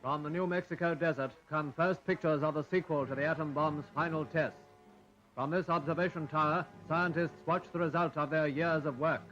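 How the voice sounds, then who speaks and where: A man's voice: fairly high pitch, fairly even intonation, fairly quick. A man narrating a 1940s newsreel in a formal, dramatic announcer style, heard as an old archive recording. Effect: old newsreel sound. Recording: dull lo-fi 1940s newsreel with faint music. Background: faint music.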